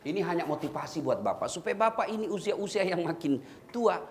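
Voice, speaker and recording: With a high-sitting, expressive voice and a brisk pace, a middle-aged Makassar preacher tells amusing stories in his sermon. He calls out to his listeners as "Pak" throughout.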